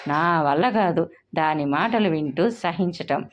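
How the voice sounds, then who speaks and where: A woman voicing a hot-tempered mother in her thirties in a storybook reading, sharp and shouting. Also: deep voice, lively intonation, unhurried. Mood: bitter. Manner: shouting in rage.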